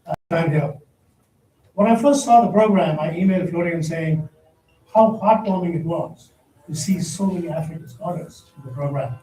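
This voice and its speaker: A keynote speaker lectures a conference crowd in a big, loud, high voice that still sounds dark, speaking directly and tossing wry jokes at the audience. The distant mic picks him up in a roomy, echoey hall with a faint hum of room noise behind him.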